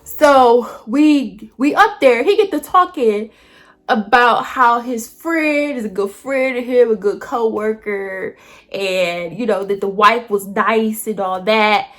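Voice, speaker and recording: High-voiced woman telling a lively story. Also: slow pace. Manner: animated, colloquial, talks straight to viewers. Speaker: storytime vlogger. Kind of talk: casual storytelling to camera.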